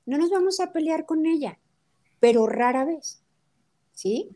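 Animated middle-aged Mexican woman, higher voice. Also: a little slow. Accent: Mexican Spanish. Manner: animated storytelling, acts out quotes of her daughter. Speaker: guest nutrition speaker. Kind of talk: conversational talk interview.

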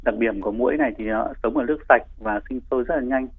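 A man giving hesitant explanations as a doctor being interviewed, pausing and repeating himself. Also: medium pitch, breathy edge, phone-quality sound. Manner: hesitant, with frequent pauses and repeats. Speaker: doctor, infectious disease specialist guest.

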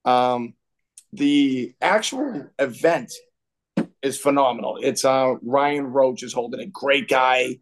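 A man's voice: mid-range voice, takes it slowly. Earnest Boston man, boxing trainer. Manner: earnest, reflective, loose with fillers. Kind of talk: casual podcast interview.

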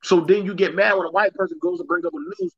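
A man's voice: high-pitched, sing-song, rapid-fire, creaky, husky, no echo. A man co-hosting a casual podcast chat, talking bluntly and with energy, and slipping into voices when he quotes people. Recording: dry, dull lo-fi mic.

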